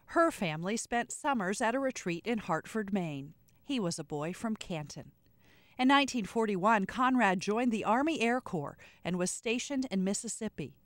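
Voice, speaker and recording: A woman narrates a documentary from a script. Her voice sits at a medium pitch and is recorded close and dry, with no room sound. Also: dry recording. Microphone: close studio voice-over mic.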